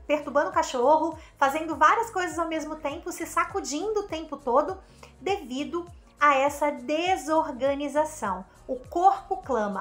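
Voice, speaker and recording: A woman's voice: high-pitched, a bit bright. A woman psychologist giving an educational talk, explaining with rhetorical questions and everyday examples.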